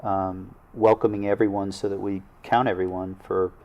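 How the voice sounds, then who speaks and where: A man, a local government official in a studio panel conversation, speaking earnestly and haltingly with many restarts. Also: deep voice, level tone, muffled recording. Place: small TV studio.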